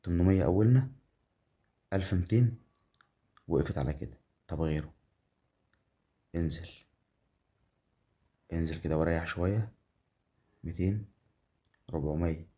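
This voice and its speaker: A man with an Egyptian accent runs live gameplay commentary in a low, dark voice. He is chatty, counts his winnings out loud and keeps talking straight to the viewer. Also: normal speed, long pauses. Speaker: gambling game streamer.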